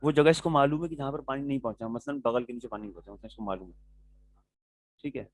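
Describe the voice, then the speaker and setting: A male teacher leads a class on religious rulings at a patient, methodical pace, pausing to check that his students follow. His voice sits at an ordinary pitch. It is recorded dry and close, with no room echo. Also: steady tone. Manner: patient, explains step by step, checks in with "okay"; answers students' questions directly.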